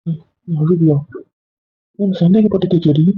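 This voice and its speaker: Actor as a insecure young boyfriend, pleading, husky, thin phone-like sound, web drama. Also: male voice, fairly high pitch, steady tone, a little slow. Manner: coaxing, pleading. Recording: dry, phone-like thin recording.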